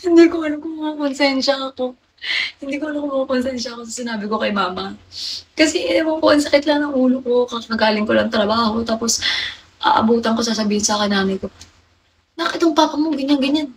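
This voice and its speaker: A woman's voice: a little high, steady tone, fast, slight background noise, rough recording. A young woman hosting a livestream, chatting and confiding to her viewers and answering their comments by name. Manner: chatty, confiding, reads out viewer names and replies to them. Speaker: livestream host. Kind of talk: casual livestream chat with viewers.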